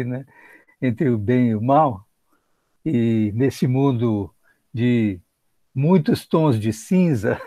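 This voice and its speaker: A man sharing slow, reflective devotional remarks that quote scripture in a study group. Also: mid-range voice, warm tone, dry recording.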